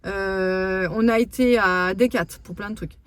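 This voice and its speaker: A woman in her thirties chatting fast in a casual vlog, with many fillers, recorded in a car. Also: medium pitch, fairly even intonation, clear, resonant tone. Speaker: vlogger. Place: parked car, then at home.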